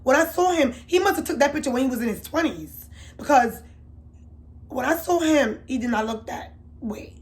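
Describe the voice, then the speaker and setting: A woman telling a candid storytime to her viewers, chatty and confiding, swinging from loud emphatic bursts to low murmurs. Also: animated, normal speed. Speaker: beauty vlogger. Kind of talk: storytime vlog.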